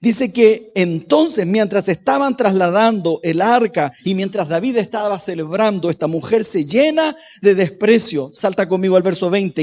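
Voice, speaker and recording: A man preaching a sermon as pastor, chatty, often turning questions to the congregation. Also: high-pitched. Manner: conversational, asks the congregation questions, varies loudness. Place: church. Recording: echoey church hall.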